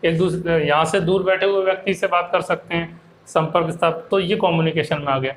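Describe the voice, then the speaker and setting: A male teacher with a fairly high voice runs an online English class, explaining every sentence in Hindi and reading the English lines slowly. He keeps checking that students follow him. The sound bounces around a hard room with a faint hum behind it. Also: fairly even intonation, roomy sound, low-quality recording. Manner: coaxing, repeats "theek hai na".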